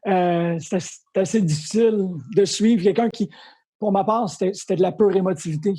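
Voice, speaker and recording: A man with a Quebec French accent talking off the cuff as a presenter, halting and repeating words. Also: high-pitched, mellow. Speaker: festival presenter. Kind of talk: casual unscripted talk.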